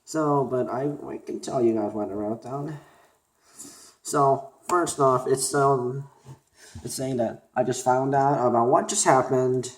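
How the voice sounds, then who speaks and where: A young man from Korea, talking unscripted to camera as a student vlogger, halting and full of fillers and restarts. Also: mid-range voice, fairly even intonation, slight background noise. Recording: roomy echo.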